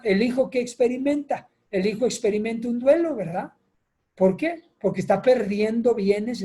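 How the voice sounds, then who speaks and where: A man teaching a psychoeducational class, lively and expressive, acting out small scenes and often asking his listeners "¿verdad?". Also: high-pitched. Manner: animated teacher, acts out little scenes, asks "¿verdad?" often. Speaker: instructor. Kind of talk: psychoeducational lecture.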